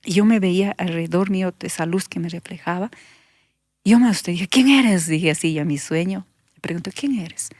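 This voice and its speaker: Lady pastor telling her testimony, lowish voice, earnest, goes soft and whispery at times, dry close sound. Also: a little fast, no room sound. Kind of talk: emotional testimony in conversation.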